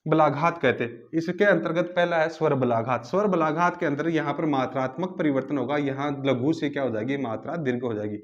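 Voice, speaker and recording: A man teaching a grammar lesson who asks rhetorical questions and spells words out slowly, piece by piece. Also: fairly high pitch, highs cut off. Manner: asks the class rhetorical questions then answers.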